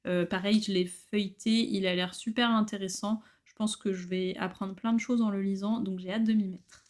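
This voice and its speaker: A woman's voice: medium pitch, steady tone, normal speed, darkish tone. Chatty French-speaking woman vlogger. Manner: chatty with frequent hesitations and filler. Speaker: book collector vlogger. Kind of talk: casual book haul chat.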